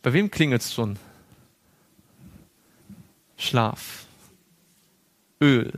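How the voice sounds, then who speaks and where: A man leads a Bible study in a church group room, talking at a mid pitch. He keeps turning to the group with questions and chuckles now and then as he sketches on a board. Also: lively intonation, drawn-out words. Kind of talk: interactive Bible study lesson.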